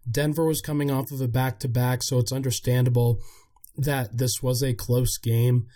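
A man delivers sports podcast commentary in a dark, muted tone. His voice is gravelly and hoarse, audibly worn out by illness, as he hosts and breaks down the game. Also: medium pitch, little pitch movement, moderate pace. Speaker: podcast host.

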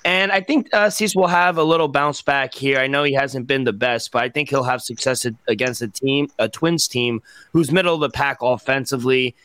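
A man's voice: medium pitch, a little fast, a bit bright, clean tone, no room sound. A man co-hosting a sports betting podcast, giving picks in casual chat and often correcting himself mid-sentence. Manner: self-correcting, trails off at ends of thoughts. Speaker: podcast co-host.

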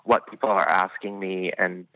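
A man's voice: low voice, flat delivery, normal speed, pushed and bright, dry recording, poor audio. A man who works as a hairstylist, chatting enthusiastically as a podcast guest, full of "I mean" and "you know". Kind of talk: casual podcast interview chat.

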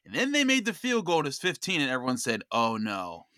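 A man in casual sports chat, excitably retelling a game as a podcast guest. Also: medium pitch, brisk, dry recording, clean studio sound. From Pittsburgh area. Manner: animated, excitable storytelling.

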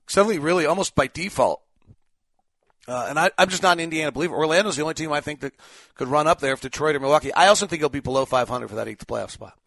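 A man's voice: mid-range voice, creaky, fairly bright tone, dry recording. A man hosting a sports podcast, giving unscripted commentary and thinking aloud in short, clipped assessments.

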